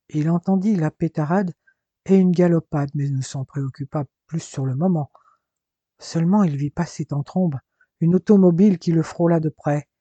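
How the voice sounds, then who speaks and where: A man narrating a dramatic story in an expressive reading style. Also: a little high, dry recording, dull audio. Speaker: audiobook narrator. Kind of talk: scripted narration.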